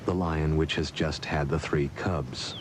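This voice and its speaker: A man reading scripted nature documentary narration in a measured, formal storytelling way. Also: extremely low pitch, steady tone, noisy background.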